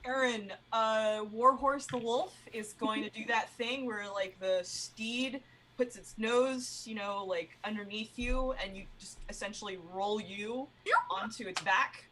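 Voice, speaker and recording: A woman's voice: a little high, a little slow, background noise. A woman playing a tabletop game, rambling and thinking aloud with fillers. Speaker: player. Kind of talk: casual tabletop play.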